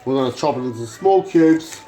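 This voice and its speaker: A man's voice: mid-range voice, animated, brisk, dark tone, faint music behind. A man giving an informal, sweary home cooking demonstration as an amateur cook, sounding drunk. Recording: clear background noise, clicks.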